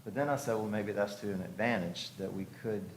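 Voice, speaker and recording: A house designer talks a little fast in a voice on the low side while presenting to a review commission at a public hearing. His manner is informal and explanatory, conversational and thinking aloud. You can hear the echoey room and clear background noise.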